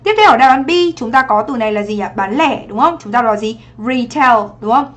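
A woman's voice: a little high, fast talker, muffled recording. A young adult woman from Vietnam teaching English on a livestream exam review, chatty and constantly checking in with rhetorical questions.

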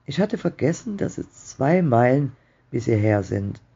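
Ein Mann, der einen verängstigten alten Mann spricht, bebend und heiser. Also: male voice, mid-range voice, very animated, measured pace, mellow, full character voice. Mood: fearful. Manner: shaky, hoarse whispering. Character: trembling frightened old man. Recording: dull muffled recording.

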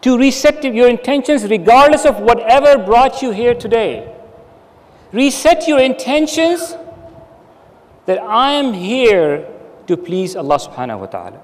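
High-voiced man preaching a sermon. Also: big pitch swings, unhurried, long reverb tail. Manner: earnest, emphatic exhortation with hand gestures. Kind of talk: Friday sermon. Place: dark stage with curtain backdrop. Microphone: stand mic at the lectern.

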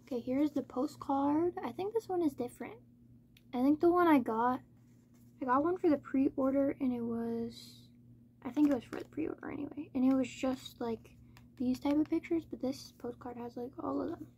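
A woman chatting casually as she hosts an unboxing, speaking in a monotone with little stress on her words. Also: high voice, normal speed, a little hiss or hum. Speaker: K-pop album unboxing host. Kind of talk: casual chat, unboxing commentary.

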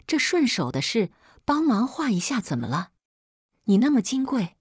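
Woman doing a bossy, shrill mother for a story narration: strident and scornful. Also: expressive, unhurried, dry recording, clean studio sound. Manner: scolding, sneering, strident.

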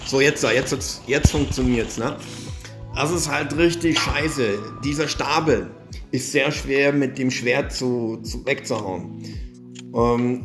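A man giving excitable, casual commentary over his own mobile game, swearing often and filling pauses with "ähm" and "ne". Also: medium pitch. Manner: excitable, swears a lot, frequent fillers. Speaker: gaming YouTuber. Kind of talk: live gameplay commentary.

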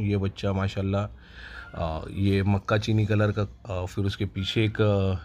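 A man who owns a goat farm walks viewers through his new stock in an unhurried, casual way with many hesitations, recorded on a handheld phone outdoors in the farm yard. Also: fairly low pitch, slight background noise. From India. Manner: relaxed, unhurried, with frequent hesitations. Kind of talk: casual promotional farm tour.

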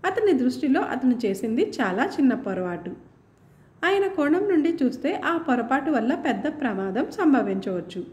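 A woman narrating a story with an expressive reading. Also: fairly high pitch, echoey room.

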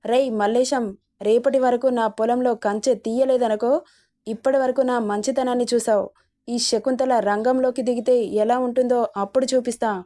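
A woman's voice: fairly high pitch, fairly even intonation, fairly quick, dark tone, lightly acted. Woman reading as a fierce old grandmother. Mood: threatening. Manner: commanding, threatening. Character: fierce elderly grandmother, proud landowner.

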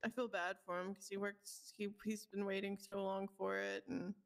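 Woman, creaky gravelly voice, casual rambling role-play chat. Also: mid-range voice, flat delivery, normal speed.

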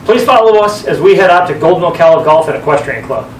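A man's voice: on the high side, animated, fast. A middle-aged man, a physical therapist, delivering a scripted introduction to camera. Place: indoors in front of a backdrop. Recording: echoey room, distant mic, faint noise.

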